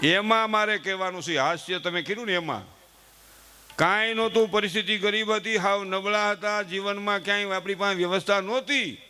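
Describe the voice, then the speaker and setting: A man's voice: high voice, brisk, pushed and bright, smooth. A middle-aged man, giving a chatty folksy comedy monologue on a live stage and talking straight to the audience. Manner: chatty, addresses the audience directly, acts out quoted family members.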